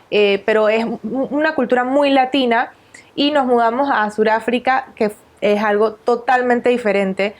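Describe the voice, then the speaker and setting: A woman in her thirties from Venezuela, a nutritionist guest in an interview, calmly recounting her life in many countries. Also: on the high side. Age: 30s. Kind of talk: interview storytelling.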